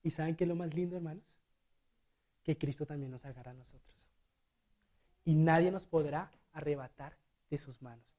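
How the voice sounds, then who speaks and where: A man preaching a sermon as a deacon in a church. He swings between loud and hushed delivery and acts out the quotes. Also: a little high, normal speed, long pauses.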